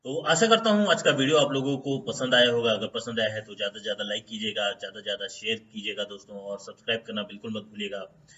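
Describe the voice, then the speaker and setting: A man giving an informal lesson as an HR consultant to his channel's viewers, speaking conversationally with frequent "theek hai" and "uh" fillers and slowly stressing each step's English heading. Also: lowish voice, steady tone, pushed and bright, dull audio. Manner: stresses English terms slowly when starting each step.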